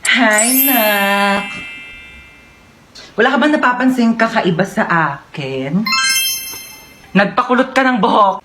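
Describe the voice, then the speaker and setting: A woman's voice: medium pitch, animated, slow, long pauses, reverberant, loud music behind the voice. Playful woman bantering in a comedy skit. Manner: playful, teasing back-and-forth banter. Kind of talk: comedy sketch acting out family scenes.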